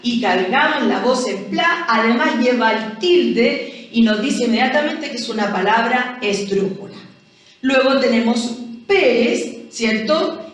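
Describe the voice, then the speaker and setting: A Chilean woman teaching a primary school language lesson, explaining patiently and checking in with frequent rhetorical questions. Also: fairly high pitch. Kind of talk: recorded classroom lesson explanation. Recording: very echoey room, voice from far off.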